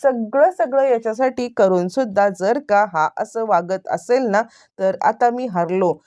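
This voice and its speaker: A woman's voice: mid-range voice, a little slow, a little mellow, natural voice. A woman narrator voicing an angry, heartbroken middle-aged man who was betrayed by his brother, asking pleading, reproachful questions. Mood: anguished.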